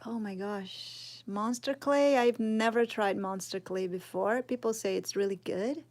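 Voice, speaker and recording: With a mid-range, slightly mellow voice and a Brazilian Portuguese accent, this Brazilian woman in her thirties talks slowly through a casual live sculpting tutorial. She answers chat as she thinks aloud, regularly dropping to a murmur while working.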